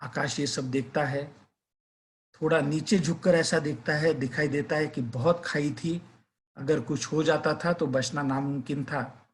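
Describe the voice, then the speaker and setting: This male teacher has a fairly high voice with a fairly even intonation and a measured pace. He tells a suspenseful story, then turns earnest and urges his students to revise, mixing storytelling with motivational advice.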